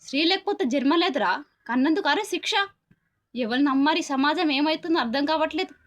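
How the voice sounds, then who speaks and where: A woman's voice: sits high, quick pace. A woman delivering an angry, preachy rant, scolding someone with repeated rhetorical questions. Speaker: commentator. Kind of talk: angry moral rant to camera. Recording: dull lo-fi sound.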